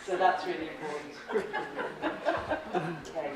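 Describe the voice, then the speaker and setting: Deep-voiced and unhurried, with fairly even intonation, this woman from Ireland runs a presentation-skills workshop for a live group. She's chatty and encouraging, laughs a lot, and quizzes the room, with a crowd audible behind her. The recording is distant and very echoey, from a large training room that echoes.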